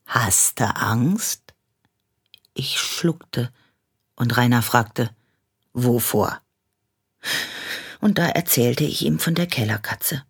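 Woman, storytelling narration, slow, husky, whispery, intimate. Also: very deep voice. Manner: intimate, often drops to a whisper. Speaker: story reader.

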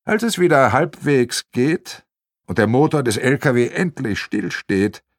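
Male narrator, crime audiobook, wry, varied pitch, dry booth. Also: measured pace, no echo. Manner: lively, wry storytelling. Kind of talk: scripted crime novel narration.

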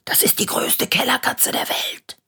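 A woman's voice: a little slow, bright, forceful tone. A woman reading aloud, voicing a cocky young boy who plays sheriff and often speaks in a conspiratorial whisper.

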